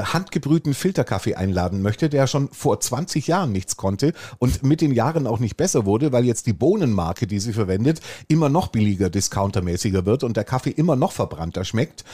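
A man's voice: mid-range voice, mellow, no room sound. A man hosting a casual podcast, rambling through wry anecdotes. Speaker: podcast host.

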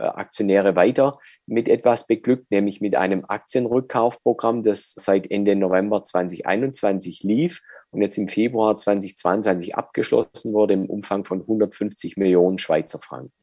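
A man explaining dividends and withholding tax as an interview guest, measured and with frequent hesitations. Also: fairly low pitch, mellow, no echo, clean studio sound.

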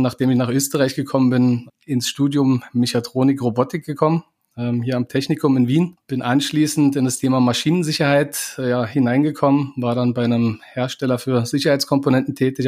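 A man's voice: medium pitch, a little mellow. A man from Germany, a podcast guest, explaining his work in a methodical, step-by-step way. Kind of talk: conversational interview.

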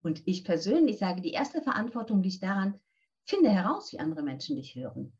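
A woman in her fifties speaks as a voice coach, earnest and direct, handing out practical advice to the listener. Her voice sits at an ordinary pitch for a woman, and the recording sounds a little dull and lo-fi. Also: big pitch swings, brisk, darkish tone. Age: 50s. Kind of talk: interview answers, coaching tips.

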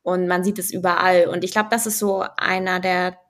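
A woman's voice: on the low side, little pitch movement, moderate pace, fairly bright tone. A young woman speaking as an interview guest on finance, explaining thoughtfully with many fillers and restarts. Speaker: guest, finance and crypto expert. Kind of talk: conversational podcast interview.

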